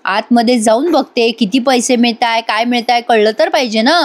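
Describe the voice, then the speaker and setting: A greedy, scheming middle-aged aunt from a TV serial, gloating over the money she hopes to get, as a woman narrator reads her lines. The voice sits high and light, and the gloating stays in the delivery. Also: moderate pace, natural voice.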